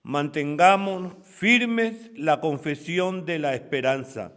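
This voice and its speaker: Deacon reading scripture slow and steady, kinda high voice. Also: male voice.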